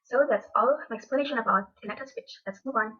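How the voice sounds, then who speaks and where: Young female student, husky voice, lo-fi muffled recording, read-aloud class talk. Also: a little high, quick pace, pushed and bright. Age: young adult. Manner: reads from notes, restarts words. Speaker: student presenter. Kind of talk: reading a class presentation.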